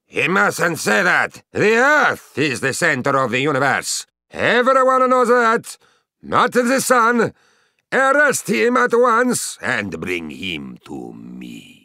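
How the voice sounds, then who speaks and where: A man's voice: on the high side, wildly swooping pitch, slow pace, bright, forceful tone, no echo, clean studio sound, pitched above the performer's own voice, exaggerated voice. A man putting on a furious, pompous older male church leader who barks orders. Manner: indignant and commanding.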